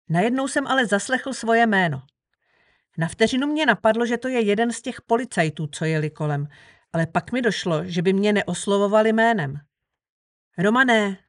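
Woman narrator, audiobook, steady reading, middle pitch, dry close sound. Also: no echo. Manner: steady first-person reading.

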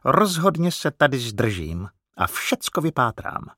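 A man's voice: medium pitch, sing-song, bright, forceful tone, breathy edge, no room sound, clean studio sound, heavily acted. A man voicing a curious young male mongoose in a storybook reading, eager and inquisitive.

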